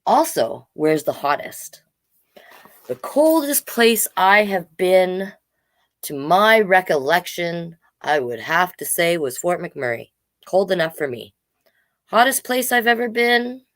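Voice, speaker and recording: Reading children's books as a drag king storytime host, a middle-aged woman chats casually on a livestream with playful, self-deprecating asides. Her lowish voice is very animated and slow-paced, captured in a dry recording.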